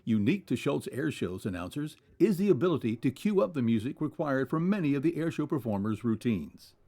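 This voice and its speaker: Man narrating with lively, varied pitch. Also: a little fast. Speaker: documentary narrator. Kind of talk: scripted narration.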